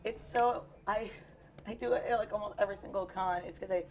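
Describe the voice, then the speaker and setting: A young cosplayer with a Texan accent, interviewed in a busy convention hall, chats casually and upbeat with lots of fillers while losing her voice. Her medium-pitched, darkish voice runs fairly quick with fairly even intonation, and there's slight background noise.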